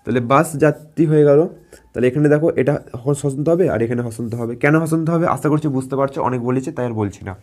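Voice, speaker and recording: A man's voice: mid-range voice, a little mellow. Male teacher from West Bengal, patient classroom explainer who repeats words and drills syllables. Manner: patient, repeats words and asks students questions; drawn-out syllable-by-syllable pronunciation. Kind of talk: grammar lesson.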